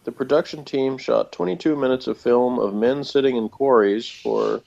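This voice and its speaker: A gravelly, medium-pitched man hosts a relaxed review chat at a moderate pace, reading notes aloud and adding chuckling remarks of his own. The recording comes across slightly dull and lo-fi.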